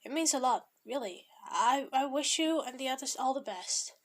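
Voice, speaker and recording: An earnest, polite teenage alchemist, thoughtful and quietly clever, as a woman reads his lines in a storybook reading. His voice stays near an everyday speaking tone. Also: high voice, animated, normal speed.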